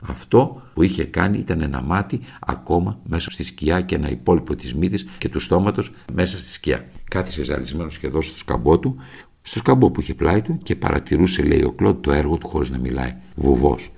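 Male, radio host, scripted monologue, theatrical, gravelly. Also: very deep voice, a little mellow. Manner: theatrical storytelling.

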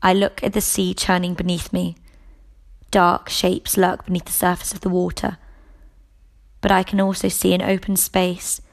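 A woman reading a novel aloud in the first person, in a steady, measured way. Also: on the low side, vocal fry. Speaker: audiobook reader.

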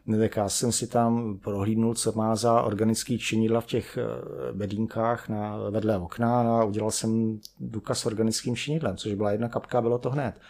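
A middle-aged man with a lowish, husky voice talks through his memories. He rambles, doubles back and fills pauses with hesitations, poking fun at himself as he goes. His tone stays conversational and unhurried. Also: flat delivery, a little mellow. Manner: rambling, self-deprecating anecdotes with many fillers. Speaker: chemist. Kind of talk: conversational storytelling.

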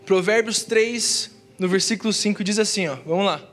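Young Brazilian male youth preacher, high voice, slangy and earnest, sermon in a church. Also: normal speed, noisy background. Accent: Brazilian Portuguese. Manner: slangy and earnest, peppered with "cara" and "velho". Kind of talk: casual testimony sermon.

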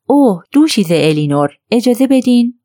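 A woman voicing an earnest, lively young woman who speaks in an eager, somewhat hesitant way. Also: a little high, dry recording, clean studio sound, pitched above the performer's own voice.

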